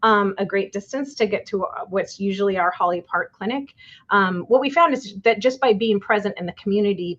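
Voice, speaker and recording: A woman gives a webinar presentation over a video call, her audio slightly muffled. She talks in a hesitant way, with many ums along the way. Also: mid-range voice. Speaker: health services presenter.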